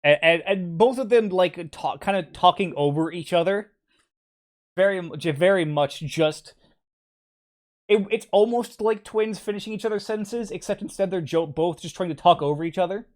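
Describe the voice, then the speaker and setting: A man's voice: high-pitched, moderate pace. A man narrating a tabletop game as game master, hesitant and full of fillers.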